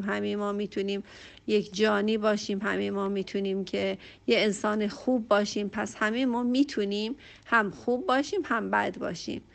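A woman's voice: mid-range voice, vocal fry. A woman counselor answering a listener's question with emphatic, direct advice to a group, repeating her points and speaking straight to the listener.

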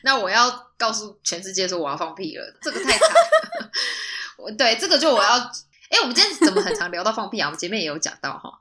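Young woman, podcast co-host, giggly, lively pitch. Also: fast talker, background noise. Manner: giggly, thinks aloud, talks through scenarios. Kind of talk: casual chat.

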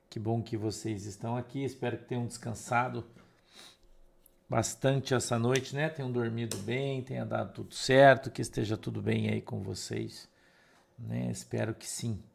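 A man's voice: medium pitch, moderate pace, creaky, slightly rough. A man with a Brazilian Portuguese accent who leads a morning livestream devotional as pastor, greeting viewers by name and reading scripture aloud. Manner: reads scripture aloud in a steady cadence.

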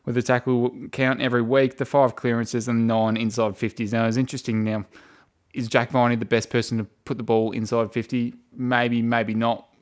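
A man's voice: medium pitch, level tone, moderate pace. Hesitant Australian man podcasting from a shed. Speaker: sports podcast co-host. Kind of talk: casual football discussion. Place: in a wooden shed in the countryside, poorly soundproofed.

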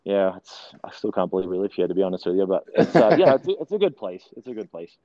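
In a casual interview, a strength and conditioning coach in his thirties, a New Zealander who grew up in Australia, tells stories packed with fillers and restarts in a mixed Australian–New Zealand accent. His low, warm voice is quick and sing-song. The audio is dull, with no room sound.

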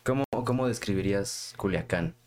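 A man, chatting casually on a podcast, curious and relaxed. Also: medium pitch, normal speed, vocal fry. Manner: curious, relaxed, asks lots of questions.

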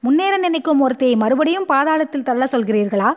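A woman's voice: sits high, animated, quick pace. Woman reading a pleading young prince.

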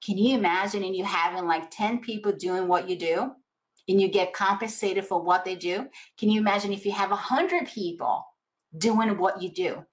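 A woman's voice: medium pitch, normal speed. A woman with a Latin American accent giving a motivational coaching talk, speaking emphatically with repeated phrases and rhetorical questions. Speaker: network marketing coach.

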